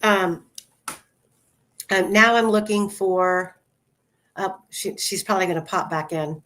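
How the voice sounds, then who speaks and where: A woman on a video call who shares her screen and calls out photos one by one, methodical and steady. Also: mid-range voice, slow, a little hiss or hum. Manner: methodical, talks through images one by one. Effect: voice heard over a video call. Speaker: host presenting trial photos by screen share. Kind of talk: casual online discussion. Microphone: computer mic on a video call.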